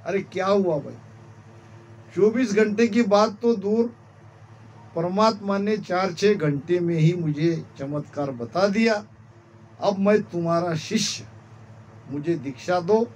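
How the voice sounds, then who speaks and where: A man preaching at a satsang, slowly narrating a moral story and repeating phrases for emphasis. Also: high-pitched, darkish tone. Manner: slow, repetitive story narration.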